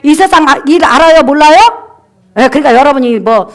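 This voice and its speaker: A woman's voice: sits high, fairly quick. A woman pastor preaching a sermon and telling a testimony, calling for amens and asking the congregation questions. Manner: exhorting, calls for amens, rhetorical questions to the congregation; acts out quoted people in her stories.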